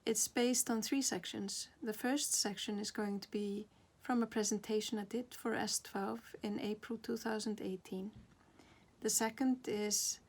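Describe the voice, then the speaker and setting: Woman, reflective, in an echoey room. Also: medium pitch. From Iceland. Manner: reflective, stops often to search for words. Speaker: glass artist presenting her work. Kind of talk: recorded artist presentation. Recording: very roomy, distant mic, noisy background.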